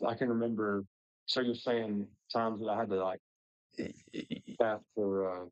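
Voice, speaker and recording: A pilot taking part in a discussion tells about his experiences casually, his phrasing loose and hesitant and sprinkled with "like." His voice is lowish and steady at a measured pace, with lo-fi sound.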